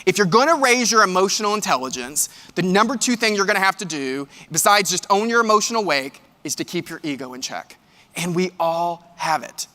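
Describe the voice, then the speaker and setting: A man giving a motivational keynote talk to an audience, animated and quizzing the room with questions. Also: high-pitched, fairly quick, big-room sound. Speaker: keynote speaker. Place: large hall with audience.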